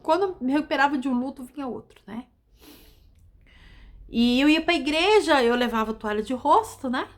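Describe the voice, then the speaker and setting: A middle-aged woman preacher giving an emotional testimony sermon, repeating phrases for emphasis and dropping from loud to hushed. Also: high voice, animated, normal speed. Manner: repetitive, emphatic, swings between loud and hushed.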